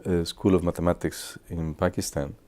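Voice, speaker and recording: Guy in his 60s, super low and mellow, lots of uhs while he remembers stuff for students. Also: level tone. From Guatemala. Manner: halting, with many filler pauses. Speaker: physicist. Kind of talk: reminiscing talk to students.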